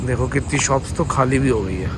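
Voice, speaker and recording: A man's voice: medium pitch, fairly quick. A man filming a casual family vlog outside a row of shops, chatting and joking as he describes what is going on around him. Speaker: family vlogger. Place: outdoors at a busy street of shops. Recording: noisy outdoor street recording. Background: traffic and street noise.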